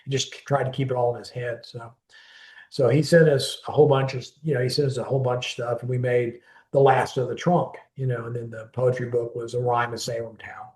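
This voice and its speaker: A man's voice: mid-range voice, fairly quick. Rambling storyteller man in an echoey room. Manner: rambling, with frequent restarts and lively quoted dialogue. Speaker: interviewee recalling a friend. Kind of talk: casual oral history storytelling.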